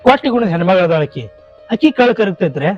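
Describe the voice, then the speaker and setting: A man playing a calming village friend. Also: high-pitched, fast, dull audio, faint music behind. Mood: soothing. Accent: North Karnataka Kannada. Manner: soothing, urging calm.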